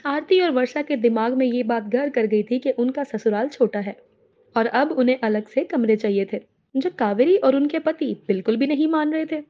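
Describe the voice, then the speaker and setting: A woman's voice: sits high, normal speed, muffled recording. A woman narrating a family story in a plain, scripted storytelling manner.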